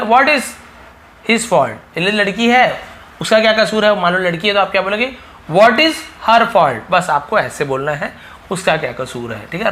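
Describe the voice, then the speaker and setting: A man's voice: high voice, bright, forceful tone. A man teaching spoken English in a casual lesson, repeating each phrase and asking rhetorical questions.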